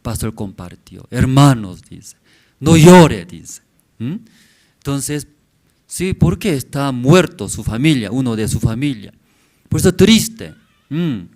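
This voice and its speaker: A pastor in his forties delivers a sermon in church using short, halting phrases. His voice is mid-range, sing-song and darkish, and he keeps checking in with the congregation through questioning "mm?" tags.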